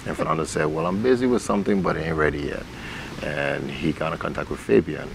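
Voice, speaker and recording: A stage actor and director, appearing as an interview guest, tells stories conversationally in a very deep, gravelly voice and talks fast. He's informal and colloquial, acting out quoted dialogue, and the recording has a clearly noisy background.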